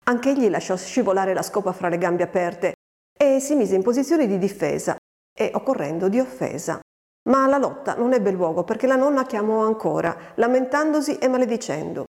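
A woman narrating a literary story in a measured, expressive way, recorded with a long reverb. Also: medium pitch. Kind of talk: literary audiobook reading.

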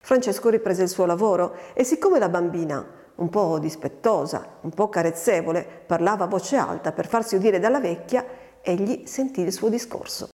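A woman narrating a literary story in a measured, expressive way, recorded with a long reverb. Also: fairly low pitch. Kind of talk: literary audiobook reading.

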